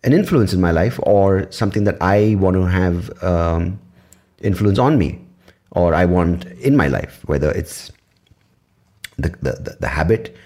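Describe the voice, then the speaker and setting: A man's voice: low-pitched, lively intonation, unhurried, warm tone. A man rambling through a casual solo podcast, swearing often and poking fun at himself. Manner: rambling, profane, self-mocking, many restarts. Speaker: podcast host.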